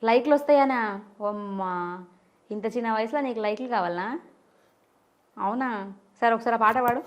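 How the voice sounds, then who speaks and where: A woman interviewer asking a child quick, coaxing questions in a casual interview. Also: fairly high pitch.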